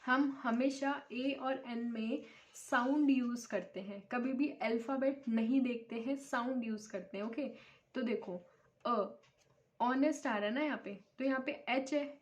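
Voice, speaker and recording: A woman's voice: high-pitched, a little slow. A woman teaching an English grammar lecture, explaining step by step and often checking with her students. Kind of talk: classroom lecture.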